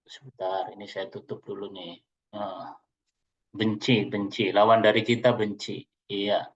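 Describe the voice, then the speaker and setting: A man's voice: on the low side, level tone, a little slow. Teasing male seminar trainer, lo-fi. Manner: playful, teasing, addresses listeners directly. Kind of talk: joking seminar talk to an audience. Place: seminar room. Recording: dull lo-fi recording.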